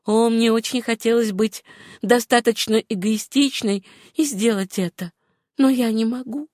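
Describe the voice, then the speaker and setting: Woman reading as a soft young heroine, raised bright voice, gentle and sad, dry close sound. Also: on the high side, fairly even intonation, a little slow, dry recording, lightly acted. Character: young woman with a hard past, gentle and wistful.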